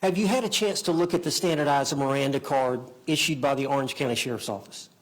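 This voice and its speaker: A man working as an attorney in a courtroom, examining a witness in a halting way, often repeating and rephrasing his questions. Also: mid-range voice, rough recording.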